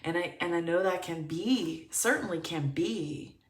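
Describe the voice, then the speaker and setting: A woman leads a pick-a-card tarot reading in a low, unhurried voice. She thinks out loud, stopping to search for words while staying upbeat. Her voice is recorded a little away from the mic in an echoey room. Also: recorded from a distance. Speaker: tarot reader.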